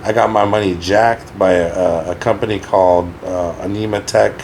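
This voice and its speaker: A man with a low voice speaks as a rapper guest on a casual podcast. He talks candidly and sombrely and swears freely. A faint hiss sits under his voice. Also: steady tone, normal speed, darkish tone, rough recording.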